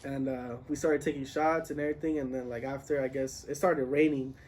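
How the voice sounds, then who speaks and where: A man's voice: mid-range voice, fairly even intonation, brisk, a little mellow, recorded from a distance, a little hiss or hum. A young man co-hosting a podcast, telling a party story in laid-back slang. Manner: laid-back slangy talk, laughs often. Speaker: podcast co-host. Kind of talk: casual storytelling among friends.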